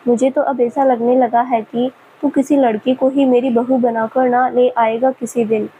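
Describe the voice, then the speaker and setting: A woman's voice: fairly high pitch, little pitch movement, moderate pace, dark tone, slight background noise, lightly acted, low-quality recording. A woman voicing an affectionate middle-aged mother who scolds and teases her son. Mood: teasing. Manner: scolding yet loving, motherly.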